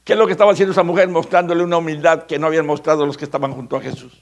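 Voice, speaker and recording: A Mexican pastor preaching with a high, gravelly voice. He is dramatic and theatrical, acting out the voices of biblical figures and swinging between loud cries and near whispers. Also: steady tone, rapid-fire. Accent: Mexican Spanish. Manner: dramatic, acts out biblical voices, shifts from shouting to hushed. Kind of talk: sermon.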